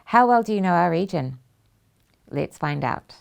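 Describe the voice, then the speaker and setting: A woman presenting a scripted introduction as the host of a talk show, with a gravelly voice. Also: lowish voice, expressive, normal speed, darkish tone.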